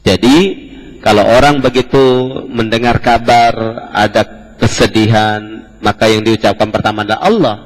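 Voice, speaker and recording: A man's voice: lowish voice, little pitch movement, normal speed, long pauses. Male preacher in an echoing mosque hall. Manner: explanatory, slips into casual colloquial asides. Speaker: preacher teaching hadith. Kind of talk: Islamic study lecture.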